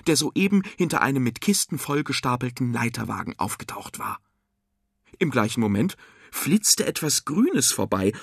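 A man reading a children's radio story aloud in a lively storytelling manner. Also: mid-range voice, creaky, slightly rough, no echo, studio quality. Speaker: narrator.

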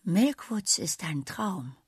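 A cheeky little animal girl, clever and brave, speaks playfully and a bit slowly, as a woman reading a storybook puts her on. Her voice is slightly husky and dry. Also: lowish voice, very animated, dry recording, exaggerated voice. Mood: sly. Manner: playful, hissing.

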